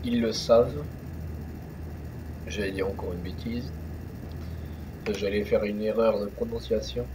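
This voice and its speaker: A man's voice: lowish voice, steady tone, a little slow, long pauses. Rambling young man, noisy home mic. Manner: rambling, hesitant, many fillers and restarts. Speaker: gaming youtuber. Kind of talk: casual let's-play commentary.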